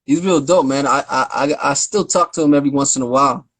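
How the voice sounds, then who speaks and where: A man hosting a casual live-stream interview, telling stories in an excited, rambling way. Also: mid-range voice, fast, husky, no echo, rough recording. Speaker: host. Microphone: phone on a live stream.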